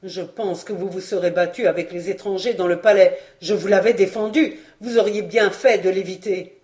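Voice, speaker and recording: An audiobook reader voicing a grieving, proud male warrior king who laments loudly. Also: medium pitch, fairly even intonation, moderate pace, lightly acted. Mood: reproachful. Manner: lamenting, emphatic. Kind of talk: audiobook reading.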